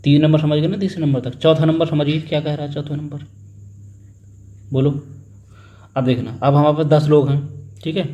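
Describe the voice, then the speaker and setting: A man's voice: fairly high pitch, steady tone, moderate pace, long pauses, warm tone, highs cut off. A young man teaching an exam-prep maths lesson, working sums aloud, repeating figures and prompting his students to answer. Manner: acts out family members in a little story.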